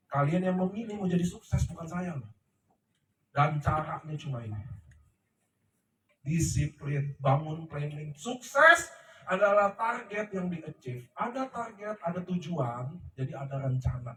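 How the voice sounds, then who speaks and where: A man's voice: on the high side, big pitch swings, normal speed, bright, forceful tone, distant mic, a little hiss or hum. A middle-aged man giving an emphatic, preachy motivational talk to a seated audience, often checking that they understand. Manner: emphatic, preachy, asks the crowd "ngerti ya?". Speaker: company leader speaking to his team. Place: large room before a seated audience. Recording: echoey room, voice off-mic.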